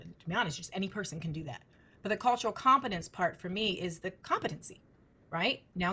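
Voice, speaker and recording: A middle-aged woman researcher answering interview questions in an animated, emphatic way, often posing rhetorical questions. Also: mid-range voice. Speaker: speech language researcher.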